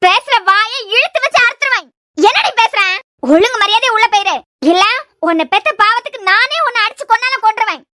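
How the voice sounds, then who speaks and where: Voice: very high-pitched, animated, brisk, pushed and bright, no echo, heavily acted. A voice artist playing a harshly scolding mother-in-law in a cartoon serial, with a Kanyakumari Tamil accent. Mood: furious.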